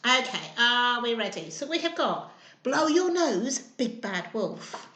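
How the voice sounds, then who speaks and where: A very animated woman speaks slowly and sharply, her voice a little high, as she hosts a storytime for small children. She reads and chats in a simple, encouraging, sing-song style, and the indoor sound is roomy and echoey.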